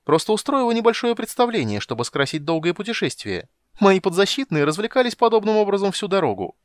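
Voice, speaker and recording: Male narrator putting on a squeaky high kender prankster, giggly and brash, storybook trickster. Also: sing-song, fast, dry recording. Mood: excited. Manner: shrill, giggly, cheeky. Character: mischievous chattering kender, small male trickster.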